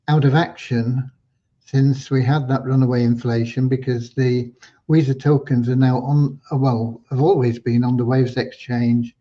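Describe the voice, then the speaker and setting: Older man, mellow unhurried host. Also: medium pitch. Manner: unhurried, with frequent ums and restarts. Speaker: host of a community livestream. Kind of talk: livestream updates and Q&A with prayer. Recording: dull lo-fi livestream audio.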